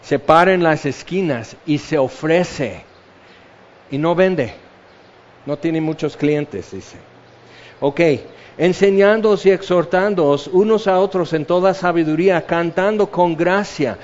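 A man's voice: on the high side, slow, big-room sound. A man preaching a sermon in a conversational way, acting out the quotes he uses. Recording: dull lo-fi sound.

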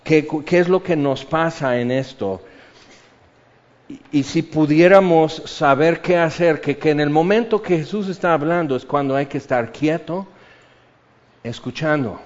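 Animated preacher, dull lo-fi sound. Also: male voice, a little high, measured pace. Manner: animated, swings from loud to hushed. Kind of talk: sermon.

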